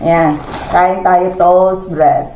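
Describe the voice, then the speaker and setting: A Pangasinan-accented woman talks through her morning in a rambling, chatty vlog style, with a voice on the lower side. She sounds like she is recording in a home kitchen with a phone. The sound is roomy and a bit dull, with a faint hiss underneath. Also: fairly even intonation, extremely slow. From Philippines, Pangasinan. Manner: chatty and rambling, narrating chores as she goes. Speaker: vlogger. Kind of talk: casual vlog narration.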